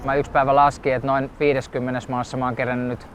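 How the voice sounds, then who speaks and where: A photographer from southeastern Finland talking casually on location outdoors, lively and quick to exclaim. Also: male voice, medium pitch, background noise. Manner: lively, exclaims while shooting. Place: outdoors in town.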